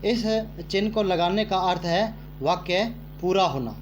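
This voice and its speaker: A man teaching a grammar lesson to children, speaking slowly and repeating phrases for emphasis. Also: high-pitched, animated, slight background noise. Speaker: Hindi teacher.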